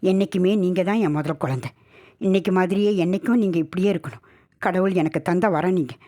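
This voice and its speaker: A woman's voice: on the low side, fairly quick, warm tone, natural voice. A woman voicing a young wife, affectionate and teasing, in a spoken horror story. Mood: tearful. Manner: coy, playful pleading.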